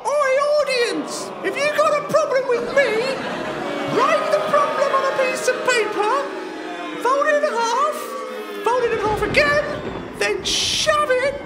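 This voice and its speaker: A woman's voice: extremely high pitch, a little slow, loud music behind the voice, over a noisy crowd. King Herod, a boastful panto villain, played by a woman. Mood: taunting. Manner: taunting, heckles the audience, sing-song threats.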